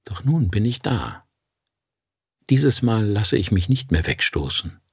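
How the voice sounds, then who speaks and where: A man voicing the vengeful ghost of a pale little match girl, speaking in a quiet, cold, accusing way. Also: lowish voice, very animated, takes it slowly, husky, no echo, clean studio sound, heavily acted.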